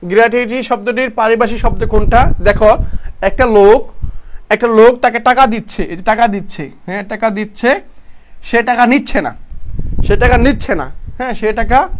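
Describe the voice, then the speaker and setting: A young man with a Bangladeshi Bengali accent and an extremely high-pitched voice teaches an online exam-prep vocabulary class at a moderate pace, with slight background noise. He calls his students "bhaiya," repeats his questions to them, and explains things casually, correcting himself as he goes.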